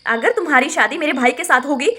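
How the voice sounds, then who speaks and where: A woman's voice: sits high, quick pace, sharp tone. A woman voicing a greedy, haughty in-law in a doll story, talking scornfully and bossily. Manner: scornful, bossy, dismissive. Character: greedy, haughty older sister-in-law demanding dowry.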